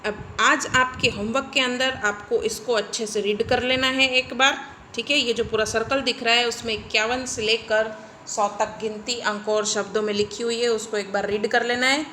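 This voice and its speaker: In this recorded Hindi grammar lesson, a woman with a clear, bright, slightly high voice walks through each point in order and keeps checking on her students. She speaks at a moderate pace in a steady tone, and the echoey, bare-room sound has some faint hiss or hum.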